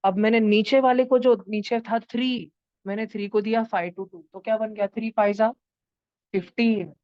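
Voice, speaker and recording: A woman's voice: a little high, fairly even intonation, moderate pace, dry recording, lo-fi sound. A woman teaching a math lesson to children in an online class, turning numbers into story characters and acting out their lines. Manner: playful, acts out number characters in voices.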